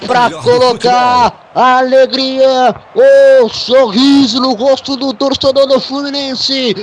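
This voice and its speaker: Brazilian man shouting explosive goal commentary. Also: extremely high pitch, little pitch movement, slow pace, faint music behind. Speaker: football play-by-play commentator. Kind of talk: live web radio football commentary.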